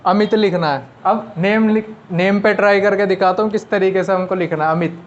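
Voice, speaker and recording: A man with a fairly high voice teaches a shorthand class, talking casually and going over each step again as he writes it out. The sound is a little dull and lo-fi. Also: fairly even intonation, brisk. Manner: talks while writing on a board, repeats and explains step by step.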